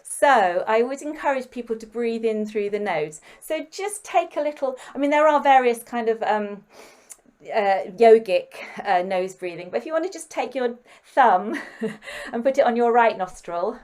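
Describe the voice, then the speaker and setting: A woman singing teacher giving gentle, encouraging step-by-step breathing and vocal warm-up instructions. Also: a little high, lively intonation, moderate pace.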